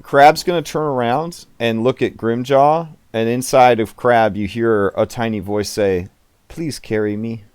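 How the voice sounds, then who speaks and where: A man's voice: mid-range voice, a little slow, hardly any pauses, clear, resonant tone. A man playing a tabletop game, chatting casually and narrating what his character does.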